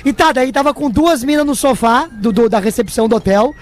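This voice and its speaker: A man's voice: very high-pitched, brisk, a crowd in the background. A male comedian with a southern Brazilian accent, telling slangy, casual comic anecdotes on a radio panel. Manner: slangy, colloquial.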